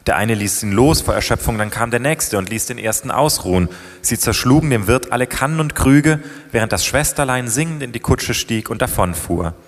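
A man reading a story aloud in a calm, measured manner. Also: medium pitch. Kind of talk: read-aloud story narration. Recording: long hall reverb.

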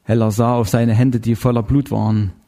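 A man narrating an audiobook in a measured, dramatic way. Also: medium pitch, little pitch movement, warm tone. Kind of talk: scripted narration.

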